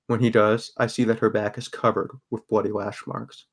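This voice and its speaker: In this bleak audio drama, a young man takes the role of a sardonic, wary teenage boy telling his own story. His husky voice sits low and very even at a moderate pace, with a subdued delivery and a tense, subdued mood.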